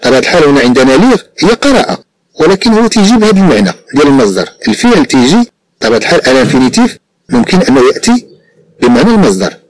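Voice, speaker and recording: A man from Morocco with a Moroccan Arabic accent teaches a French lesson, reading phrases slowly and explaining briskly in Arabic. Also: on the high side, big pitch swings, poor audio.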